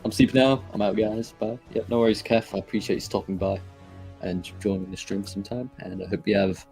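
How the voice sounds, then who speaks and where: Male streamer, low mellow voice, laid-back and rambly, faint music underneath. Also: fairly quick, vocal fry. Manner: relaxed, rambling, hesitant with frequent fillers. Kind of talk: casual live-stream chat, answering viewers.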